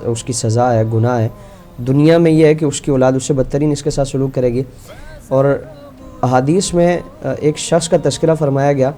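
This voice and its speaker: A man's voice: medium pitch, dark tone. A man as a religious scholar on a call-in show, earnestly telling a story and quoting its figures in his own voice.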